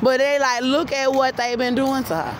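Walking outdoors on a city street at night, a vlogger in her thirties from America delivers a livestream-style monologue into a handheld phone held at arm's length. Her voice sits high, with a steady tone and moderate pace, and she speaks insistently and emphatically, often repeating phrases. Traffic and street sounds fill the noisy recording.

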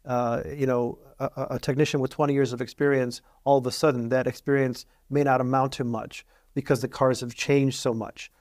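A middle-aged man hosts a podcast interview from a studio set, his voice mid-pitched and dry on a lapel mic. He reacts with upbeat enthusiasm and asks questions in turn. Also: little pitch movement, a little fast, few pauses, a little mellow, no room sound. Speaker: podcast host.

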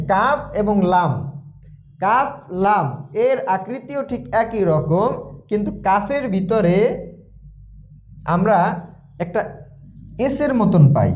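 A man teaching the Arabic alphabet for Quran reading, slowly repeating each letter name over and over for the learner, with a Bangladeshi Bengali accent. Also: high voice, darkish tone, slight background noise. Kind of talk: slow letter-by-letter recitation lesson. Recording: echoey room, dull lo-fi sound.

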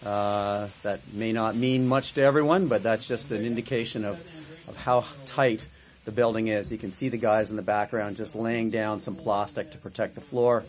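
A man's voice: fairly low pitch, fairly even intonation, normal speed. A man in his fifties, a home builder, walking through a renovation site, talking easily with many filler "uh"s, filmed on a handheld camera. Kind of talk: on-site walkthrough vlog. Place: outdoors at a construction site, then inside a house under renovation. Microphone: handheld camera at arm's length.

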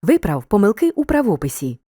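A woman reading a scripted video lesson as a teacher, giving examples in a clear, deliberate way. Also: mid-range voice, huge pitch swings, dark tone, dry recording, clean studio sound.

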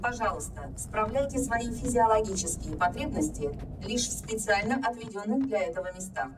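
A woman's voice: mid-range voice, animated, normal speed, lightly acted. A woman voicing a stern female security computer that coldly makes formal announcements, heard from a distance over game music. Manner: cold, formal, repetitive announcements.

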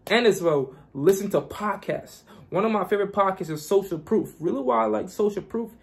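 Young Guyana-born guy, high voice, pumped-up repetitive money-advice vlogger. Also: a little fast, vocal fry. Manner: repetitive, hyped, preachy. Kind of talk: casual motivational vlog.

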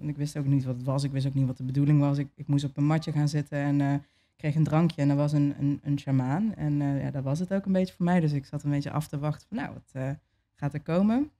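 A young adult woman being interviewed, telling a personal story in a relaxed way, with many fillers and restarts. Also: low voice, fast talker. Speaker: interview guest.

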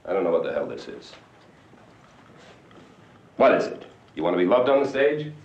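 An actor playing a blunt, needling theater director who turns from sarcasm to pressing questions. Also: male voice, low-pitched, sing-song, moderate pace. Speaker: stage director. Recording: roomy, distant, muffled film audio with faint hiss.

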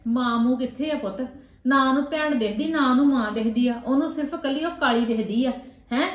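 A woman's voice: sits high, fairly quick, highs cut off, natural voice. A middle-aged woman playing a scornful, bossy mother who scolds and sneers in a home drama. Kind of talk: web drama acting. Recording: echoey room.

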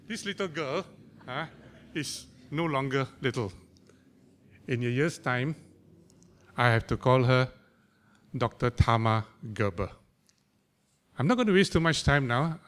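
A man's voice: mid-range voice, a bit bright. An older man, introducing a speaker in a church hall, teasing and using local slang. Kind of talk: informal introduction. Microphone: stand mic.

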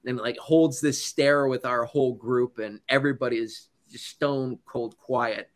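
A male news correspondent from the United States tells stories to an audience. His talk is casual and loose, with "like" and "you know" all through it, at an ordinary middle pitch. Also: steady tone, a little slow.

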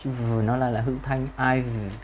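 A man teaching English over a video call with a Vietnamese accent, explaining in Vietnamese and slowly modelling English phrases. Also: mid-range voice, steady tone, a little mellow, slight background noise. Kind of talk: one-to-one online lesson, explaining in Vietnamese.

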